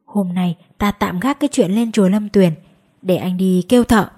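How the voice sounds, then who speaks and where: A woman voicing a hurried middle-aged father in a spoken ghost story. Her voice is husky and urgent. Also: medium pitch, mellow, lightly acted.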